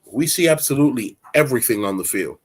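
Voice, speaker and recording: A man's voice: mid-range voice, animated, fast, husky. A man in his forties hosting a casual chat, talking in a rambling, candid, streetwise way. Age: 40s. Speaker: host.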